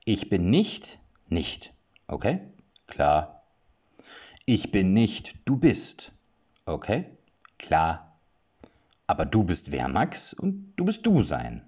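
A man's voice: sits low, wildly swooping pitch, slow pace, pauses often, darkish tone, husky, full character voice. A man voicing a young male hero, impatient and easily flustered, in an audiobook, on slightly muffled audio. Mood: exasperated.

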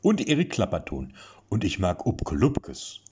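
Brief: male reader as big dumb mercenary, low babyish drone, lilting singsong melody. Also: wildly swooping pitch, darkish tone, slightly rough, full character voice. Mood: dreamy singsong. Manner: slow dreamy singsong, deep yet babyish. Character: dim-witted hulking male mercenary, childlike. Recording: dull lo-fi recording.

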